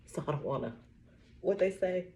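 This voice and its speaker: A woman talking casually to her camera as a vlogger, telling stories with lots of laughter and repeating affirmations like a preacher. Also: mid-range voice. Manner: animated storytelling, frequent laughter.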